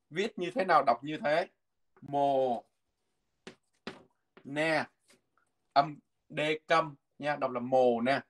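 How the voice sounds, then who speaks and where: A man teaching a language lesson from a textbook, patiently repeating words slowly so learners can follow. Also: fairly high pitch, a bit bright, a little hiss or hum.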